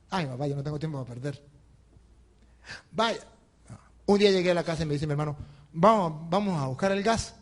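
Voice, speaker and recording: A male priest preaching a sermon, telling a humorous story with laughter and imitating the people in it. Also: a little high. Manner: animated, laughing, mimics others in anecdotes.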